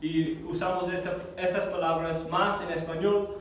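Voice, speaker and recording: A man teaching a Greek class, explaining slowly and carefully, repeating words and correcting himself as he goes. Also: high voice, level tone, slight background noise. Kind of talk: classroom lesson. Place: church classroom. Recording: echoey room recorded from a distance.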